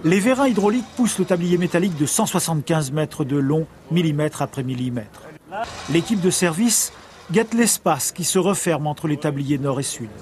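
A man, a news reporter, reading a scripted report in a measured, formal delivery. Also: fairly high pitch, animated, background noise.

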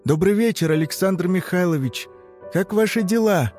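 A man voicing a timid, polite adult patient who speaks in a slow, childlike way. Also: sits high, a little mellow, soft background music, voice pushed up, natural voice.

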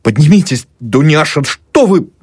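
A man's voice: fairly high pitch, lively intonation, unhurried, breathy edge, no room sound, studio quality, voice pushed up. A man voicing a young male doctor who protests earnestly, in an audiobook. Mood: soothing.

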